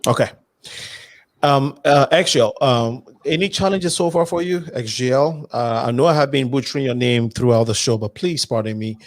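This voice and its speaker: A man hosting an interview, restarting his words as he frames questions. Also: mid-range voice. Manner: halting, repeats words while framing questions. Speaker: host.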